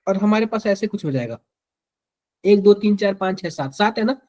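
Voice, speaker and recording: A man's voice: high-pitched, animated, moderate pace, warm tone. A man with a Hindi accent teaching chemistry to a live class, quizzing students and repeating each answer to drill it in.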